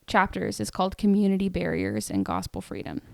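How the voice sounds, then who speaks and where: A woman's voice: on the low side, sing-song, a little fast, creaky, a little mellow, no room sound. A woman co-hosting a casual faith-based podcast, reading book passages aloud and leading the discussion with frequent laughter. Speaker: podcast co-host.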